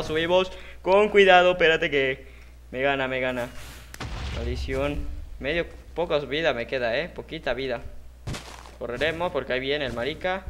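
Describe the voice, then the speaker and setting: Excitable Mexican man commenting gameplay. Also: a little high. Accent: Mexican Spanish. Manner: excitable, with sudden shouted outbursts and slang.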